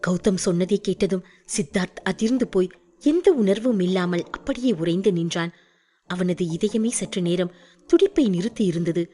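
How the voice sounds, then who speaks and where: A woman narrating an audiobook with expressive storytelling. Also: lowish voice, moderate pace.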